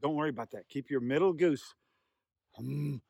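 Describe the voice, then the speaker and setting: Higher-pitched man teaching, dry close sound. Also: moderate pace, vocal fry, a little mellow, no room sound. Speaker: goose calling instructor. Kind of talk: hands-on beginner tutorial, explaining and demonstrating.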